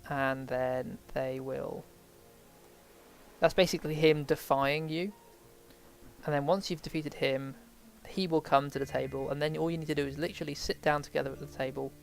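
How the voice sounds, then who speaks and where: A man's voice: on the high side, steady tone, moderate pace, gravelly. A man giving casual let's play commentary, rambling and thinking aloud as he plays a game. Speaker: game streamer.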